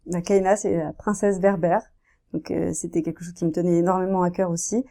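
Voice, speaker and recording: Soft-spoken mellow-voiced French-speaking woman. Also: on the low side, flat delivery, a little fast, vocal fry. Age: 30s. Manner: soft-spoken, hesitant, many fillers and restarts. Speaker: painter. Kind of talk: casual interview talk.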